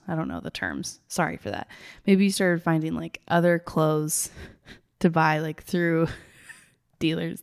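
A woman with a gravelly, tired morning voice, talking informally and ramblingly to listeners like a business coach. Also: low voice. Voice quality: gravelly, raspy. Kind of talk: casual solo talk to listeners.

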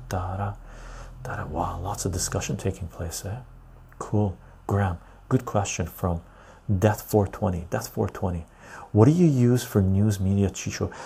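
A man's voice: on the low side, vocal fry, warm tone, husky. A man, hosting a casual livestream, reading chat and rambling with frequent "right?" tags. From Canada, born in Iran. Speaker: livestream host.

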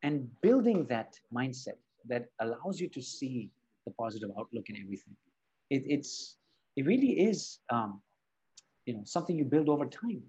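A man's voice: mid-range voice, sing-song, normal speed, dark tone, breathy edge, low-quality recording. A man from Spain, a coach and podcast guest, talking earnestly and reflectively, often repeating words and adding "right?" and "you know".

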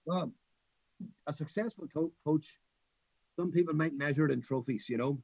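A man's voice: on the high side, normal speed, darkish tone, slightly rough, no echo, highs cut off. A middle-aged man with a Northern Irish accent, talking anecdotally in an interview as a coach, emphatic and given to repeating his phrases. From Northern Ireland. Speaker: school football coach.

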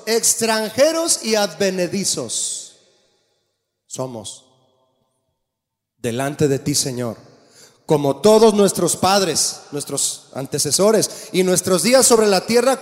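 Animated preacher in a reverberant church. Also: male voice, high voice. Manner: animated preaching with rhetorical questions to the congregation. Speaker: pastor. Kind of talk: sermon.

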